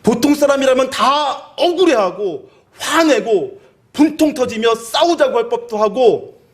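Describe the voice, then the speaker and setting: A male pastor preaching a sermon, telling the story vividly and asking the listeners questions. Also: very high-pitched. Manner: animated storytelling, dramatizing quoted speech; asks the listeners rhetorical questions.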